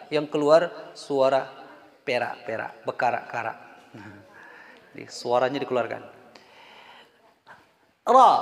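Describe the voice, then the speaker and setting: A man teaching Quran letter pronunciation in a live class, drilling sounds aloud and joking with his students. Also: medium pitch. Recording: echoey room, crowd behind. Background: students in the room.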